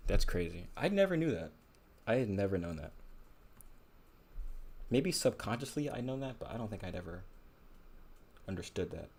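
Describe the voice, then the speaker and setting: Low-voiced man musing while he paints. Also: big pitch swings, moderate pace, pauses often, a little mellow. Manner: rambling, musing aloud, self-deprecating. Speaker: painter streaming live. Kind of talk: casual livestream chat while painting.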